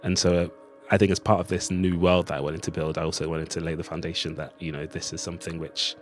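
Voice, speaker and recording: Being interviewed about his radio play, the writer talks quickly and conversationally, musing thoughtfully and wandering across ideas. His voice sits low with a level tone, and faint music runs underneath.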